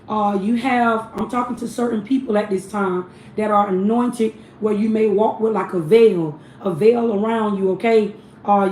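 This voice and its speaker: A woman's voice: mid-range voice, warm tone. A woman giving an intense spiritual message straight to her viewers, tagging nearly every phrase with "okay?". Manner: preachy, tags almost every phrase with "okay?". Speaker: spiritual channel reader. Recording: roomy echo with faint background noise.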